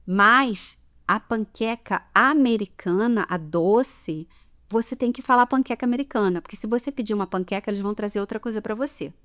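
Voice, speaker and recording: This is a language teacher: a Brazilian woman whose mid-range, fairly bright voice moves at a moderate pace, with a Brazilian Portuguese accent. Her chatty podcast lesson covers everyday customs, explained through examples and punctuated by frequent "tá?".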